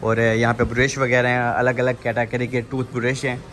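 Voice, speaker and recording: A man with a mid-range, fairly bright voice talks at normal speed in a flat way, faint music behind him. He's a vlogger chatting to viewers on a handheld phone camera while walking through a big supermarket inside a shopping mall, calling them "janab" and saying "theek hai" again and again. The store background is noisy.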